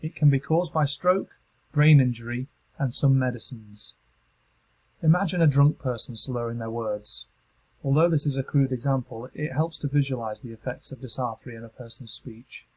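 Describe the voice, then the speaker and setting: A man with a British accent giving calm, measured, scripted narration for a training module. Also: medium pitch, husky, rough recording. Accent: British English. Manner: calm, measured instructional delivery.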